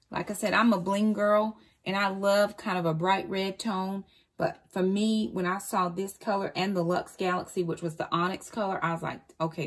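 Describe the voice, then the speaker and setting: In a walk-in closet at home, a woman in her forties chats casually to camera as an upbeat home vlogger who says y'all. Her voice is mid-range.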